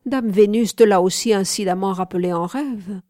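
A woman's voice: mid-range voice, normal speed, no echo, studio quality, lightly acted. Woman voicing a harsh domineering nobleman. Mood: lecturing. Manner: loud, commanding outbursts. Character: domineering middle-aged nobleman, harsh and cynical.

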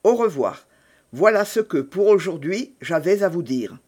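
A man's voice: high-pitched, lively intonation, darkish tone. A man reading aloud, voicing a stern baron who coldly threatens a prisoner. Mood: coldly threatening. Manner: measured, menacing.

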